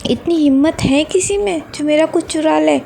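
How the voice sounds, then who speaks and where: A woman's voice: high voice, moderate pace, vocal fry, mellow, faint music behind. A woman voicing a proud, cold young female student who answers curtly. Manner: curt, cold.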